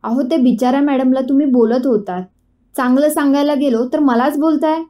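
A woman's voice: high-pitched, brisk, warm tone, close to an everyday voice. A woman voicing a well-meaning male bystander who speaks earnestly in a storybook reading. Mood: pleading.

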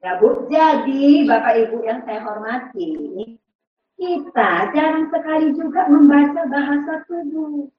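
A woman's voice: high voice, a little slow, slight background noise. A woman giving an interactive parenting seminar, quizzing the audience and acting out parent and child voices. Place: large seminar hall with audience. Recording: very echoey, distant, dull hall recording.

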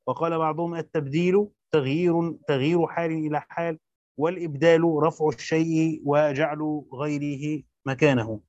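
A man reading a Quran commentary aloud as a teacher, rushing through the text and stopping for short explanations. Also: on the high side, a little mellow, no echo, lo-fi sound. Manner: rapid recitation with brief spoken explanations.

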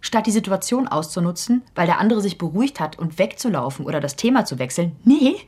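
A blunt, husky-voiced storyteller. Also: female voice, lowish voice, animated, fast talker, darkish tone. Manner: blunt, slangy, indignant retelling. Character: blunt woman retelling her brother's story.

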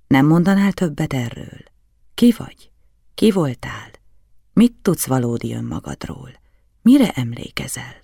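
Anxious kindly old professor, pleading, gravelly voice read by a man, dry close sound. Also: mid-range voice, mellow, dry recording, full character voice. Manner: agitated, self-reproaching, pleading. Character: anxious, kindly older male scholar. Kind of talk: audiobook character reading.

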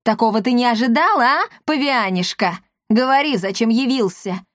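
A woman's voice: fairly high pitch, moderate pace, fairly bright tone, dry recording, clean studio sound, voice pushed up, natural voice. A woman voicing a fierce, threatening housewife who scolds her captive. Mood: scolding.

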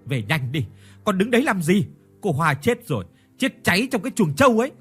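A frantic village boy yells his news in a breathless rush, his voice climbing high and straining loud, as a male storyteller puts him on. Faint music runs underneath. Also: very animated, brisk, breathy edge, exaggerated voice. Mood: panicked.

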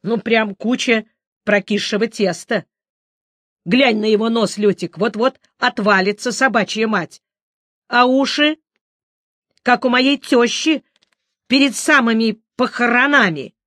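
A woman's voice: fairly high pitch, a little slow, long pauses, fairly bright tone, no echo, studio quality. A woman reading an audiobook, voicing a grumpy, blustering halfling merchant man. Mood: disgusted. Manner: gruff, blustering.

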